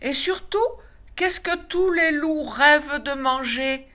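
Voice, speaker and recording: A woman's voice: high-pitched, slow pace, pushed and bright, voice pushed up, heavily acted. A woman voicing a busy father wolf who lectures his cubs in a bossy way. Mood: lecturing.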